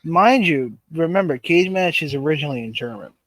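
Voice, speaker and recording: A man's voice: fairly high pitch, animated, a little fast, a bit bright, dry recording. A man co-hosting a wrestling podcast in casual chat, rattling off lists of names with lots of "uh" and "um". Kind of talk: casual chat on a live stream.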